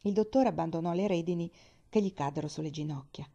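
A woman narrating a children's classic as an audiobook reader, in a gentle, measured reading voice. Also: lowish voice, lo-fi sound. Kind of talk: storybook narration.

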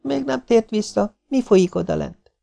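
A man doing a hushed, frightened young woman. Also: high-pitched, expressive, vocal fry, voice pushed up, heavily acted. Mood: tense hushed. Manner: hushed, urgent whisper. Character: young woman hiding, tense and whispering.

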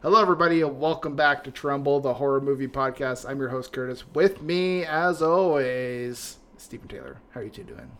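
A man with an average-pitched voice hosts a podcast. His delivery is informal and conversational, with "like" dropped in often. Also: fairly quick, few pauses, a bit bright. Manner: informal, peppered with "like". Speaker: podcast host. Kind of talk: casual podcast chat and hosting.

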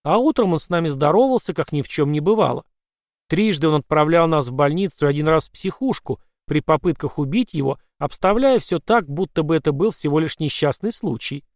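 A man's voice: a little high, lively intonation, a little fast, no echo, studio quality. A man doing a grim, weary possessed father.

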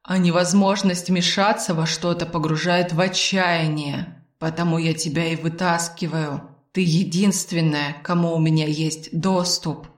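A woman voicing a teasing, disembodied male sleeper spirit with a tail, speaking in a soft, sly, purring baritone for an audiobook. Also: steady tone, unhurried, distant mic, close to an everyday voice. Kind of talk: audiobook character voice. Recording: roomy echo.

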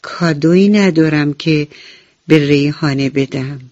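A woman storyteller voicing a sweet, eager little girl in hospital, talking in a bright, quick, childlike way. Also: sits low, no room sound, natural voice. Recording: dull radio recording with faint music.

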